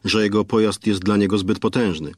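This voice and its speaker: A male audiobook narrator tells the story in a measured, even way. His voice sits low, and the close mic leaves it dry. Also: no echo. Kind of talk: scripted narration.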